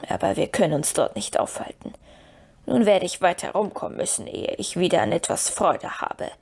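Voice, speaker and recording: A woman reading an audiobook, voicing a gruff, grieving male dwarf warrior in a lowered, slower voice. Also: very animated, a little mellow, full character voice. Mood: mournful.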